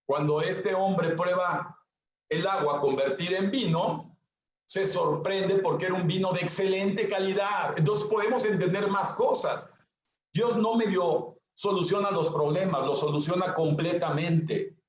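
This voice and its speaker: A male pastor preaching a sermon, stressing points through repetition and speaking straight to his listeners. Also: high voice. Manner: emphatic repetition, addresses listeners directly. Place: church hall. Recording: echoey, dull lo-fi church recording.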